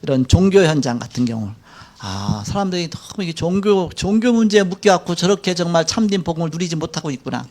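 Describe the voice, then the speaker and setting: A middle-aged man speaks in a fairly high voice, lecturing from a church pulpit. His talk is loose and conversational, and he slips into playful acted-out quotes. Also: quick pace. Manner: colloquial and animated, acting out quotes, chuckling. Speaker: pastor. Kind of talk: sermon lecture.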